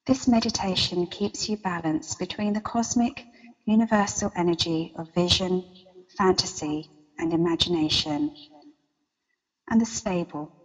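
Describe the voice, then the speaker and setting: A woman leading a guided meditation as a guide, with a slow, soothing countdown delivery. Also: fairly low pitch, fairly even intonation, big-room sound, lo-fi sound. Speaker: meditation guide and interview guest.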